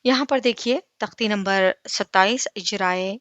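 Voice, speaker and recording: A woman teaching Quran recitation in an online lesson. She talks patiently, asks her class questions and answers them herself, and draws out recited words very slowly. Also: mid-range voice, a bit bright, dry recording, lo-fi sound.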